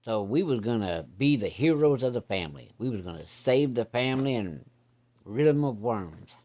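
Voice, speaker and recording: A man's voice: mid-range voice, animated, normal speed, mellow. A middle-aged man telling a childhood story in a casual, plainspoken way, using folksy rural grammar.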